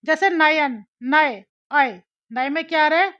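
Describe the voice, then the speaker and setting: Speaking slowly in a voice that sits high, a woman gives a grammar lesson, breaking it down step by step. She repeats syllables and poses questions to her students; the lo-fi audio is a bit dull.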